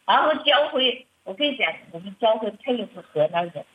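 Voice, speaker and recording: A woman's voice: fairly high pitch, lively intonation, brisk, husky. A middle-aged woman, a church member, telling her family troubles in a hesitant, plaintive way, often repeating words and restarting. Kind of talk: halting personal account. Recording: muffled lo-fi recording.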